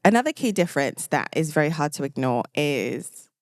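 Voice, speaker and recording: A woman's voice: low-pitched, very animated, normal speed, no echo, studio quality. A young British woman hosting a podcast, chatting casually and expressively, with lots of "like" and laughter. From United Kingdom. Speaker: podcast host. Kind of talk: casual chat.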